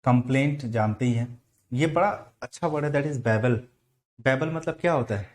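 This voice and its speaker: A man with a Hindi accent teaches English vocabulary at a medium pitch. He talks patiently, spelling words out letter by letter and repeating them. He asks his students questions as he goes. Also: normal speed, a little mellow. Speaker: English teacher for exam prep. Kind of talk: online vocabulary lesson.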